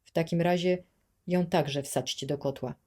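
A woman voicing a cruel, bullying male administrator who shouts threats at children, in an audiobook reading. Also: on the low side, steady tone, moderate pace, natural voice. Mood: menacing.

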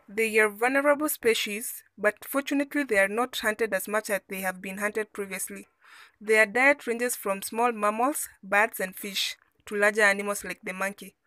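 A woman's voice: mid-range voice, fairly bright tone, no room sound. A woman reading scripted nature documentary narration as a video voice-over.

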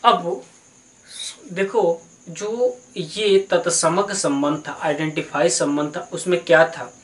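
A man's voice: on the high side, fairly even intonation, slow pace, fairly bright tone. A man teaching a math lesson in a patient, explanatory way, calling his students "beta" and mixing English terms into his talk. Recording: echoey room.

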